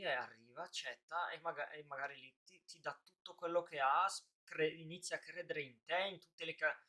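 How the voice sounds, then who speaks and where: A man with a somewhat high voice rambles through a casual live-stream chat. He thinks aloud, breaking off and restarting his sentences as he works out his point. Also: fairly bright tone.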